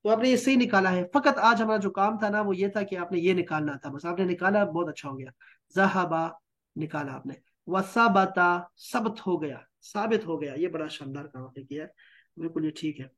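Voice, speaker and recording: This man has a high-pitched, fairly bright voice. He teaches a Quran translation class, patiently explaining what words mean. He keeps checking in with his students, asking things like "theek hai?"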